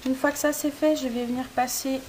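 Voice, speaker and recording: Woman craft-tutorial host, slightly high voice, hesitant talk full of fillers, steady hiss in the recording. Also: fairly quick, low-quality recording. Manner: hesitant, frequent "euh" fillers while working. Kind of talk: step-by-step demonstration.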